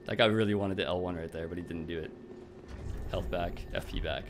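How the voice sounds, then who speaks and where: A man's voice: low voice, fairly even intonation, fairly quick. A man giving casual, slangy and wry commentary as he plays a video game. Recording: clear background noise, game ambience.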